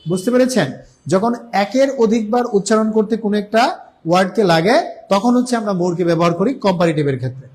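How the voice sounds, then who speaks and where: High-voiced Bangladeshi man teaching grammar live. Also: darkish tone. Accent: Bangladeshi Bengali. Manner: repeats questions and answers them himself; stretches out English example words slowly. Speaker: online English teacher. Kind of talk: live online class.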